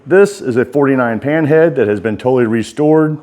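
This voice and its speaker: A man's voice: mid-range voice, brisk, a little mellow. A middle-aged American man giving a casual, rambling walk-through tour in folksy, informal speech, talking out of the side of his mouth. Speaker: writer and bladesmith giving a workshop tour.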